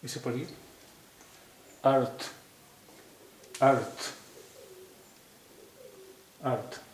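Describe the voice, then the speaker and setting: A man teaching a language lesson, repeating each word slowly to show how it is pronounced. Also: medium pitch, steady tone. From India. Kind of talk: slow explanatory lesson. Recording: echoey room with faint hiss.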